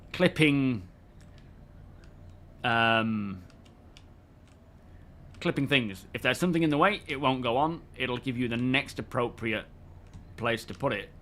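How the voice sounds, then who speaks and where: A man's voice: medium pitch, a bit bright. A man live-streaming a game, chatting casually and rambling while greeting his viewers by name. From United Kingdom.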